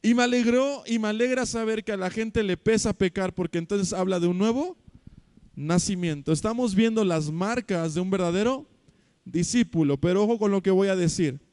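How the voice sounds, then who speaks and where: A young adult man with a Mexican accent, a pastor preaching a sermon and telling stories with acted quotes, dropping between loud and soft. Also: sits high, normal speed, clear, resonant tone, no echo, studio quality. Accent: Mexican Spanish. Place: church hall.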